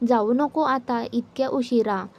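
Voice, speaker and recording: A woman doing a calm father. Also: fairly high pitch, a little slow, muffled recording. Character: calm older father settling the family.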